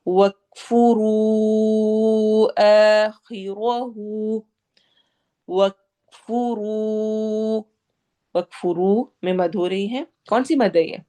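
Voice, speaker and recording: A woman with a Pakistani Urdu accent teaching tajweed, going word by word and slowly drawing out each recited word. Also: mid-range voice, mellow. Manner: explains pronunciation patiently, drawing out recited words slowly; mixes English words into Urdu explanations.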